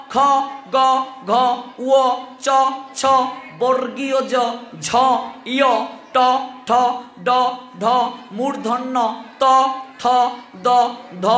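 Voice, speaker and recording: High-voiced man giving a slow religious talk. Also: bright, forceful tone. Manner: patient and explanatory, spells things out step by step and asks listeners questions. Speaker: religious speaker on the Gita. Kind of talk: devotional teaching discourse. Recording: roomy echo.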